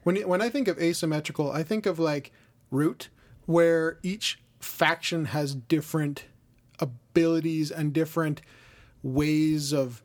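A man's voice: on the high side, a little slow. A man co-hosting a board game podcast in casual chat, easygoing and often trailing off mid-sentence.

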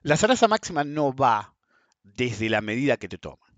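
A man's voice: mid-range voice, big pitch swings, moderate pace, no room sound, muffled recording. Sarcastic Argentine man in his fifties. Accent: Argentine Spanish (Rioplatense). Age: 50s. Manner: sarcastic, blunt, swears freely. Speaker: podcast host. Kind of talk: opinionated monologue.

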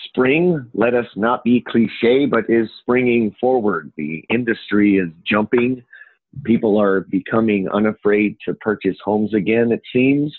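Phone-line Yooper man, low and echoey. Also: unhurried, slightly rough. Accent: Upper Peninsula Michigan (Yooper). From Upper Michigan, United States. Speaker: interview guest, home inspection business owner. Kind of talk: conversational interview. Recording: echoey, narrow phone-like call audio.

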